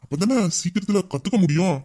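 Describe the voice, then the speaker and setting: A man with an expressive, dark-toned voice that sits high plays a flirtatious boss in a Tamil audio drama. Speaking fast, he teases a staff member with playful bossiness, voicing the romantic male lead.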